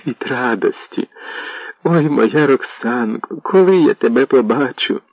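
A man's voice: medium pitch, lively intonation, a little slow, no room sound, voice pushed up. A man reading an audiobook, voicing an emotional older mother-in-law who draws her words out, on a dull lo-fi recording.

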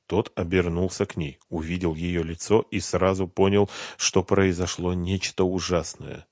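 A man narrating an audiobook in an even, measured reading. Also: low-pitched, no room sound, studio quality. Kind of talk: scripted narration of a thriller novel.

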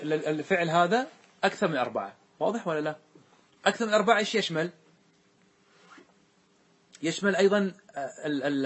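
Male teacher, slightly husky, higher voice, checks in with the class often. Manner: questioning students, repeating answers. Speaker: teacher explaining grammar verses. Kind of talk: classroom lesson.

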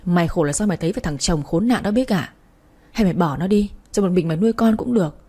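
A woman's voice: lowish voice, lively intonation, fast talker, warm tone, slightly rough. A woman voicing a coarse, blunt neighbor woman who scolds hard. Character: foul-mouthed tough older woman neighbor.

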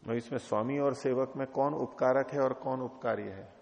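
A man with a gravelly, rough-edged voice teaches a scripture class, reading lines slowly and then explaining them plainly with questions to his students. The recording sounds dull and muffled, with a long echo from a big hall. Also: mid-range voice, steady tone, a little mellow. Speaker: Vedanta teacher. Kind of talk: scriptural lecture.

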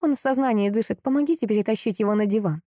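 A woman narrator voicing a capable young woman who gives brisk orders in an emergency. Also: a little high, mellow, no room sound, studio quality, voice pushed up, natural voice. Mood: brisk, commanding.

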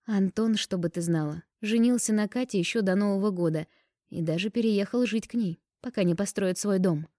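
A woman's voice: mid-range voice, fairly quick, mellow, dry recording, studio quality, pitched above the performer's own voice, lightly acted. A woman reading an audiobook and voicing a playful, dreamy young woman in love. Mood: sly. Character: sly, happy young woman student in love.

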